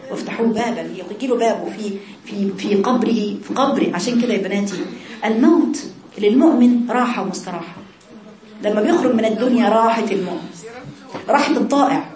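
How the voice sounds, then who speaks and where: A woman's voice: medium pitch, darkish tone, echoey room. A woman with an Egyptian accent giving a religious lesson to young women, earnest and emphatic, repeating her key phrases. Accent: Egyptian Arabic. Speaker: religious teacher.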